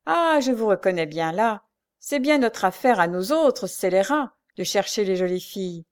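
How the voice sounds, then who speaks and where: A woman reading aloud and voicing an anxious, excitable old male servant, raised in pitch and loud. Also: normal speed, lightly acted. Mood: eager. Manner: excitable, pressing questions.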